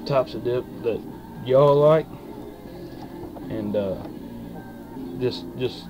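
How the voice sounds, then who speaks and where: Talking around a lipful of dip, this young male vlogger reviews it in a loose chat to camera, his medium-pitched voice folksy, slow and faltering. The low-quality recording, from a webcam mic at arm's length in a small wood-panelled room, carries country music in the background.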